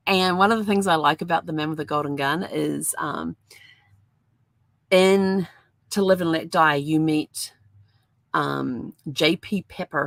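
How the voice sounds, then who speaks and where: Woman host, deep with some vocal fry, rambling casual storyteller. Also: a bit bright, dry recording. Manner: rambling, chatty storytelling with many fillers. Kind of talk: casual chat.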